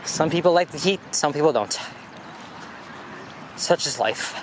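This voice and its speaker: A man's voice: on the high side, lively intonation, unhurried. Winded man vlogging outdoors. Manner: chatty, talks to himself while walking. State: winded from climbing. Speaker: vlog host. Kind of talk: casual walking commentary. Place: outdoors in a city park and streets. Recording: outdoor street noise, traffic behind.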